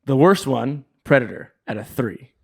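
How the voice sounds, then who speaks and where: A man's voice: medium pitch, lively intonation, normal speed, gravelly, breathy edge. A middle-aged man co-hosting a podcast in casual chat, explaining at length with many restarts. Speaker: podcast co-host.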